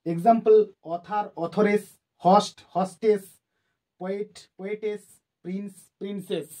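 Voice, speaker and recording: A man's voice: sits high, fairly even intonation, moderate pace, a little mellow. A man with a Bengali accent teaching an English grammar lesson, methodically listing numbered rules and examples. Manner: methodical, lists terms with numbered points and examples.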